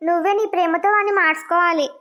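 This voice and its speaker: A woman's voice: extremely high pitch, steady tone, rapid-fire, music in the background. Woman voicing a kindly village mother-in-law. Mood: soothing.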